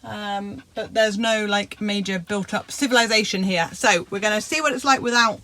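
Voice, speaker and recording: A woman's voice: mid-range voice, steady tone, moderate pace, pushed and bright, low-quality recording. A woman vlogger chatting casually with a companion inside a motorhome. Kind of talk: casual chat.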